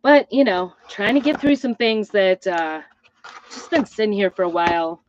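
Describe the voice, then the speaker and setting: A middle-aged woman with a hoarse, weakened voice from a hacking cough, rambling apologetically as she hosts a casual live craft demo. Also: medium pitch, moderate pace, dull audio, noisy background. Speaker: craft host and crafting product seller.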